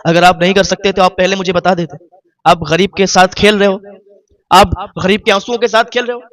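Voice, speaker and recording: Preacher playing a poor weeping man in a sermon story, high pleading voice, sorrowful, desperate. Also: little pitch movement, fairly bright tone. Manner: pleading, sorrowful, rising to anguished outcry.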